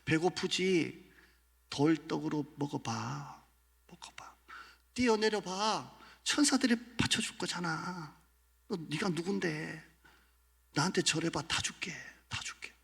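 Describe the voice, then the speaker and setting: A male pastor voicing a sly, wheedling male devil who tempts in hushed, coaxing whispers during a sermon. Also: on the high side, expressive, unhurried, gravelly, breathy edge, pitched above the performer's own voice, heavily acted. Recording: long church hall reverb.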